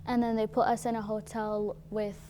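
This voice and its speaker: A woman's voice: mid-range voice, little pitch movement, moderate pace, warm tone, a little hiss or hum. A teenage girl from Syria telling her story casually, often saying "like". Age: teens. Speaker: guest. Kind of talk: personal storytelling.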